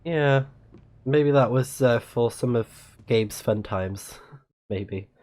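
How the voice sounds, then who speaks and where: Speaking slowly in a darkish, mid-range voice, this livestreaming gamer and channel host offers laid-back let's-play commentary. He often voices the on-screen game text and fixes his own stumbles as they happen.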